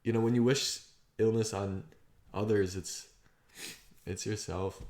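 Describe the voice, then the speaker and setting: A man talking through his feelings in a rambling, halting, reflective monologue, clearing his throat often and swearing casually. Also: lowish voice, steady tone, a little mellow, echoey room, slight background noise. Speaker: vlogger. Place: outdoors on a property.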